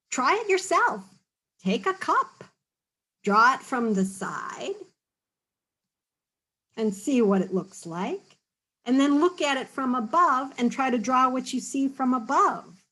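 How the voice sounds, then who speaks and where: As storybook reader and teacher, a woman reads a picture book to kids before patiently walking them through drawing tips and frequently checking on them. She sounds high-pitched and a bit bright, on a low-quality recording.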